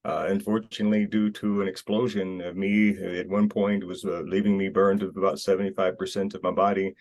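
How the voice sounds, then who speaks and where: A man's voice: low-pitched, little pitch movement, brisk, darkish tone. A man from the United States, talking earnestly as an interview guest, rambling with many restarts. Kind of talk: casual interview talk. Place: Costa Rica.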